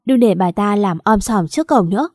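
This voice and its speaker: A woman's voice: medium pitch, expressive, brisk, darkish tone, dry recording, clean studio sound, natural voice. A woman voicing a gray-haired older father who speaks sternly and reproachfully in an audio story. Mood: angry.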